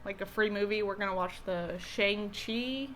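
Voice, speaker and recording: A woman's voice: mid-range voice, moderate pace, fairly bright tone, slight background noise. A young woman co-hosting an eating vlog, chatting casually in a rambling, hesitant way full of fillers and restarts. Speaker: co-host. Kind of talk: casual chat while eating.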